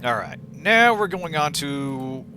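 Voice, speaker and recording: A man's voice: on the high side, very animated, slow pace, background noise. A man giving casual video game commentary with wry, sarcastic asides over game music. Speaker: let's play host. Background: video game music and sounds.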